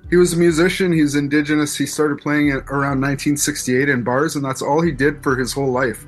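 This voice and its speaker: A man's voice: on the high side, fairly even intonation, quick pace. A man in his forties from Canada, a musician talking thoughtfully about his late father in an interview. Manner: reflective, thoughtful, with restarts. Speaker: musician guest. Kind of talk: interview conversation.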